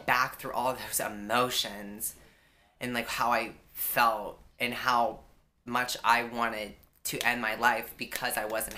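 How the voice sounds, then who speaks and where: A young adult woman telling a personal story in a confessional vlog, halting and candid, with lots of "like.". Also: very deep voice, bright, forceful tone. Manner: halting and candid, heavy use of "like". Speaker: vlogger.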